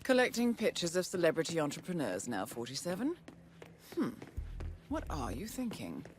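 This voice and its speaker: A woman's voice: low-pitched, huge pitch swings, moderate pace. A woman playing a cool, composed mission handler in a video game, giving briefing remarks. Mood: dry, curious. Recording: loud music behind.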